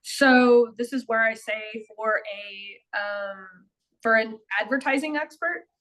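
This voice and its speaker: A woman's voice: fairly high pitch, slow pace, fairly bright tone, poor audio. A woman client in a coaching session, giving brief agreeing replies and reading prompts aloud.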